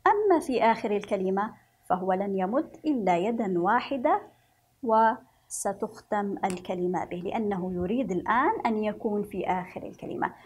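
A Yemeni woman teaching a children's reading lesson, speaking slowly and encouragingly and stretching out letter sounds. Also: medium pitch, a little mellow, husky. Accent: Yemeni Arabic. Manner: slow, sing-song, encouraging, drawn-out letter sounds.

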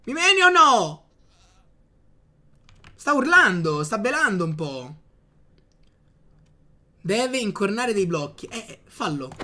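Guy narrating his gameplay to viewers, chatty and excitable, sharp bright tone. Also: high voice. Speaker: gaming youtuber. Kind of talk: casual gameplay commentary.

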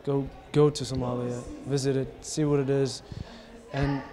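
A man's voice: mid-range voice, flat delivery, moderate pace, a crowd in the background. A young man from the United States answering interview questions hesitantly into a handheld mic, searching for words. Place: indoor room against a plain wall.

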